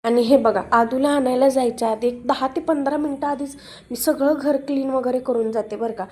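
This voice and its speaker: A woman's voice: sits high, fairly even intonation, moderate pace, warm tone, husky. A young woman with a Marathi accent, talking candidly about her children and advising other mothers in a casual home vlog. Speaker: vlogger and mother.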